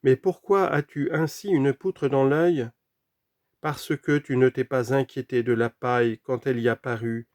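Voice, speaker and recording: A man reading a sermon aloud in an earnest, deliberate way, dropping quieter for scripture references. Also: medium pitch, steady tone, no room sound, clean studio sound. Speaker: reader of a sermon.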